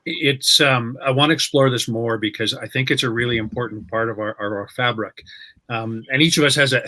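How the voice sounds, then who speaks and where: Bright-voiced male host, halting questions. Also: mid-range voice. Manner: halting, searches for words with many restarts. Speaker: interview host. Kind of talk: conversational interview questions. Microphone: video call.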